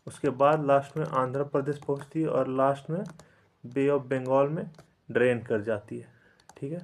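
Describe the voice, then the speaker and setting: A man teaching an exam-prep geography lesson, speaking slowly and repeating terms so they can be memorized, mixing in English words and often saying "theek hai". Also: medium pitch. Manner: repetitive drilling, frequent "theek hai" fillers; slow, deliberate recitation for memorizing.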